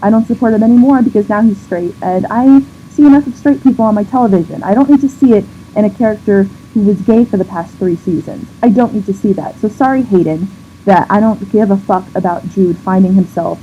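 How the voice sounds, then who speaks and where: Woman vlogger, emotional rant, indignant and tearful, stumbling restarts; lo-fi recording, faint hiss. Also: mid-range voice. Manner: upset, indignant, swearing, with halting restarts. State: on the verge of tears. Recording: dull lo-fi sound with faint background noise.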